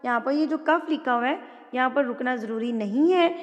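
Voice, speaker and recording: A woman teaching an online Quran recitation lesson, explaining patiently step by step and drawing out words slowly when she recites. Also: high voice, long reverb tail, highs cut off. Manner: slow drawn-out recitation of Arabic words.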